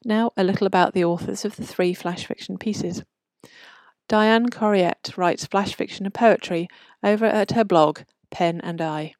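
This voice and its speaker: A woman hosting a podcast, reading short fiction and author bios in a measured, deliberate way. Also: mid-range voice, darkish tone, no room sound.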